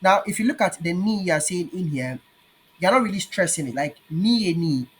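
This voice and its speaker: A man with a Ghanaian accent teaching his language in an online lesson, patiently repeating words slowly. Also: high-pitched, lively intonation, fairly bright tone, a little hiss or hum.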